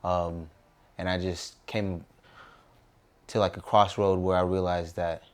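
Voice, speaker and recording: Speaking slowly and flatly in a low voice, a man in his twenties from Southern California reflects casually as an interview guest. He has an American accent.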